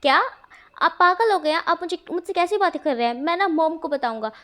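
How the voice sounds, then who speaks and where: A woman reading out a cheeky, playful young man in a storybook tale, teasing and quick to act indignant. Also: very high voice, fairly bright tone, voice pushed up.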